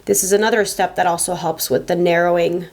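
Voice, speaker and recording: A woman's voice: lowish voice, fairly even intonation, fairly quick, soft background music. A woman in her twenties talking casually to camera through a makeup tutorial, chatty and emphatic, repeating words for stress. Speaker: beauty vlogger. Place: small indoor home filming setup.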